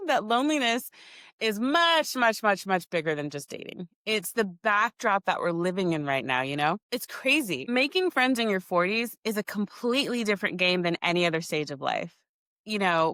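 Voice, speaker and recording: A woman's voice: a little high, a bit bright, smooth, dry recording, clean studio sound. A woman in her forties hosting a podcast, telling stories in a casual, chatty, profane way, with lots of laughter. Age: 40s. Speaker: podcast host. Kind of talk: casual storytelling monologue.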